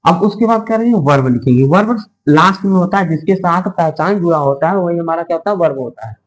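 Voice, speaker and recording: A man teaching a grammar lesson, asking questions and answering them himself, slowly spelling out example sentences. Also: a little high, animated, rough recording. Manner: asks and answers his own questions, drawn-out example sentences. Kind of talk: Hindi-medium grammar lesson.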